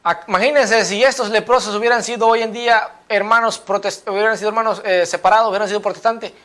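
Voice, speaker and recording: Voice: mid-range voice, fairly even intonation, fast talker, fairly bright tone. Emphatic preacher firing rhetorical questions. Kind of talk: apologetics sermon video.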